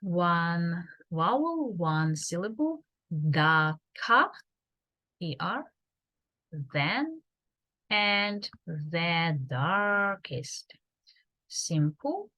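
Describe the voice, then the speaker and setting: A woman gives an online grammar lesson, taking her time over each point. Her voice sits a little low, and she pauses often on fillers as she explains the rules deliberately. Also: expressive, highs cut off. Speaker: English teacher. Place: home.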